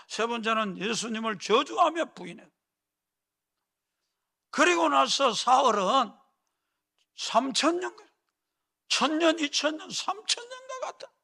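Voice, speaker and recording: A male pastor preaching a fervent sermon, often calling out to the congregation and building to shouted peaks. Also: high voice, gravelly.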